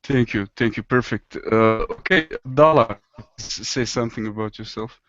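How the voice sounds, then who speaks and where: A man hosting an online webinar, introducing guests in a halting manner that stumbles over words. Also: mid-range voice, fairly bright tone, no echo. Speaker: host. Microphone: video call. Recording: dull, dry online call audio.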